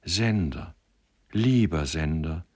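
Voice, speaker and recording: A male reader voicing an emotional, tearful young woman with a breathy, lifted voice. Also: low-pitched, measured pace, exaggerated voice. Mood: moved. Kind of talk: audiobook character reading.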